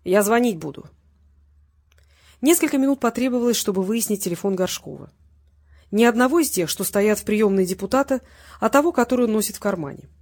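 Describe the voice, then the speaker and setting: A woman narrating a crime novel audiobook in steady, even scripted narration. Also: mid-range voice, fast talker.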